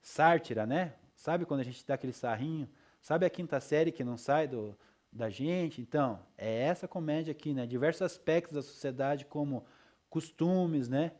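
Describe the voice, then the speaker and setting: A man's voice: a little high, moderate pace, darkish tone. A male teacher lecturing his class in a loose, chatty way, with frequent tag questions and checks for understanding.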